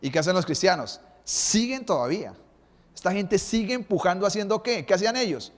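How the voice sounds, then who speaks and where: A man's voice: sits high, a little fast. Man preaching a sermon, reverberant hall. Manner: animated preaching with rhetorical questions. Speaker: pastor.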